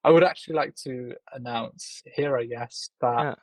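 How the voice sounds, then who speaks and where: Calm man founder explaining his product. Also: mid-range voice, dry recording, poor audio. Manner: measured, explaining with many filler ums and uhs. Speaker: company founder. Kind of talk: casual video interview.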